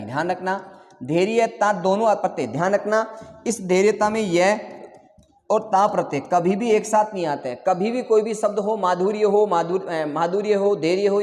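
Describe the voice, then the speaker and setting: A man's voice: sits high, a little mellow. Man drilling students with echoing voice. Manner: drills answers, repeats and quizzes students. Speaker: teacher. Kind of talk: online exam-prep lesson.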